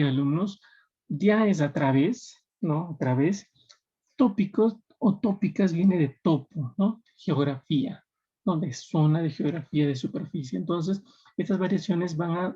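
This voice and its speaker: A man's voice: on the high side, mellow, breathy edge. A man with a Peruvian Spanish accent teaching a class, explaining step by step and often checking in with his students. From Peru. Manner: explanatory, checking in with tag questions. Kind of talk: classroom lecture. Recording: dull lo-fi recording.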